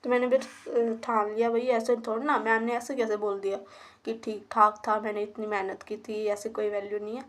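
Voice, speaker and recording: Young female podcast host, slightly high voice, chatty storytelling. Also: moderate pace. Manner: chatty, animated, quotes herself and teachers. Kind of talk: casual storytelling.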